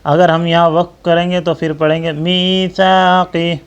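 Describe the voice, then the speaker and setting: A man teaching a Quran tajweed lesson. He drills the letters one slow syllable at a time, then explains the rules more quickly. His voice sits high and comes through smooth and resonant. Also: flat delivery.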